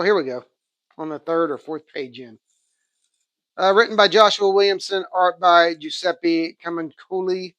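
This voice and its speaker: The voice is on the high side and a bit bright, with no echo. It belongs to a comics channel host speaking in an Oklahoma accent, who rambles and muses aloud while casually showing off and reviewing his latest haul.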